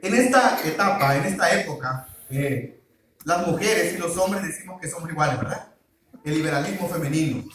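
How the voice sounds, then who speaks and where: A man's voice: high-pitched, a bit bright. A man preaching a sermon on marriage, quizzing the congregation with call-and-response questions. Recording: very echoey hall, mic far off.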